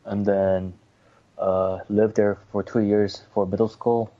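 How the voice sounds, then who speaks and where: Speaking English as a guest in a relaxed interview chat, this baseball writer, born in South Korea with Korean as his native language, comes across as polite and hesitant, filling gaps with many fillers. He talks slowly in a fairly low, mellow voice with a level tone, over a dull, lo-fi remote connection.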